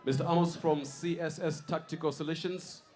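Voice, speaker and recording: A man's voice: a little high, fairly even intonation, normal speed, darkish tone. A man speaking as a boxing ring announcer, addressing the crowd.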